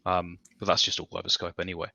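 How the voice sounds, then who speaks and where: A British man in his thirties chatting casually as a podcast guest, animated and self-deprecating. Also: deep voice, fast talker, vocal fry, dry recording, dull audio. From Coventry, England. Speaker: podcast guest, academic researcher. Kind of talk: casual, chatty interview answers. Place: home room, video call.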